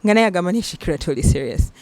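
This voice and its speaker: A young Ugandan singer, guesting on a casual interview, talks in a rapid-fire, lowish voice while switching between Luganda and English. She's an animated storyteller who acts out the people she quotes.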